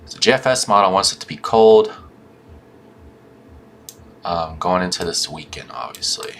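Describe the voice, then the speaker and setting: Guy doing a casual weather update, low but sharp voice, talking thru a swollen mouth so he stumbles on words. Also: expressive, measured pace, a little hiss or hum. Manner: stumbles on longer words and restarts them. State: swollen mouth and gums, labored speech. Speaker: weather forecaster. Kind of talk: informal weather update commentary over forecast models.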